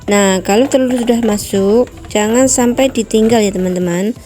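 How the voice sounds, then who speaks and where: A woman's voice: on the high side, moderate pace. A woman hosting a home cooking tutorial in her kitchen, chatting to viewers as friends and explaining each step. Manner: apologetic, explanatory asides. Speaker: home cooking channel host. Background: distant loud music from a rehearsal.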